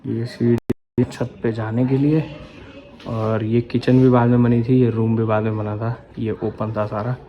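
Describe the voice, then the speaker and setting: A man's voice: mid-range voice, flat delivery, measured pace, dull audio, noisy background. Chatty man touring his old home. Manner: chatty, addresses viewers as bhai. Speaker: vlogger. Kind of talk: casual home tour vlog. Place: old empty house and street, indoors and out.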